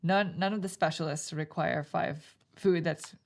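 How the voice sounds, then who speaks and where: A woman's voice: low voice, fairly even intonation, unhurried. A woman co-hosting a board game playthrough, chatty and friendly as she explains rules and scoring. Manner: friendly, chatty, reacts with delight.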